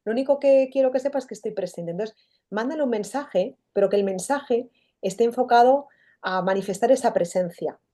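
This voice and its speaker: A woman, a guest author talking in an interview, animated and often acting out quoted dialogue. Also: a little high, fairly quick. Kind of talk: conversational interview.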